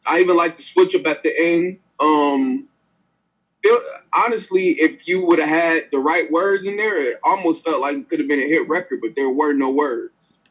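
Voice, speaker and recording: A man judging a music showcase, giving plain, measured critique on a video call. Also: fairly high pitch, a bit bright, slightly rough. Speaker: judge, record label executive. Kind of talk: judge's feedback. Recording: muffled call audio.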